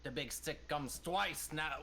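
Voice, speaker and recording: A man playing a tabletop game, speaking in a deliberate, playfully dramatic way. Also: on the high side, pushed and bright, a little hiss or hum. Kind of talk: casual game role-play.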